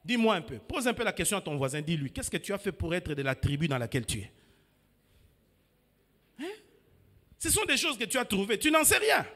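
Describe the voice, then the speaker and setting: In a very animated, brisk sermon full of frequent pauses, a high-pitched, bright-voiced pastor from DR Congo moves between soft asides and ringing shouts that pull the crowd into call and response. A long reverb tail follows his voice around the church hall.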